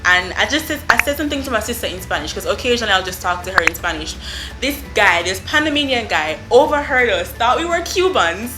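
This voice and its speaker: A young Jamaican woman vlogger with a Jamaican accent tells a casual story to camera, effusive and animated, full of "I mean" and "like." Her medium-pitched voice moves fast and sounds roomy, set against loud music on a low-quality recording.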